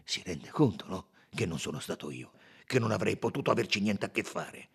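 Man voicing an aggrieved chauffeur, low and husky, lively protests. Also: a little fast, full character voice. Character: defensive Italian chauffeur, hot-tempered man.

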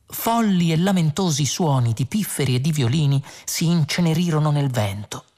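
A woman narrating an audiobook with expressive, dramatic storytelling. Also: sits low, normal speed. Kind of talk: audiobook reading.

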